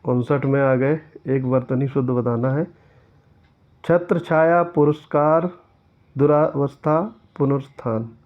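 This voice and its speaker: A man's voice: medium pitch, steady tone, slow. A man teaching an exam-prep lesson who reads each question aloud and then corrects it step by step. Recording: tinny phone-like sound.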